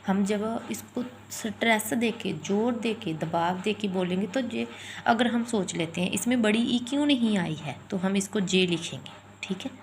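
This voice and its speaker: A woman's voice: mid-range voice, moderate pace, slight background noise. A woman teaching Hindi vowel signs, spelling words out sound by sound and repeating them patiently. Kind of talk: explaining letters and vowel signs.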